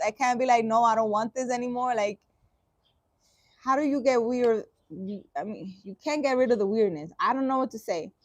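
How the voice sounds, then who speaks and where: A spiritual vlogger with a higher-pitched voice, recorded dry, reads a dream interpretation aloud. She keeps cutting in with sarcastic, exasperated remarks, swears casually and often restarts her sentences.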